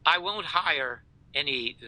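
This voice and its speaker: A man's voice: lively intonation, slow, dry recording, poor audio. An older man hosting a talk show, telling a story with emphatic outrage and acting out the quoted dialogue. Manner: emphatic, acts out quoted dialogue, swings from loud outrage to low hush. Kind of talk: animated storytelling in conversation.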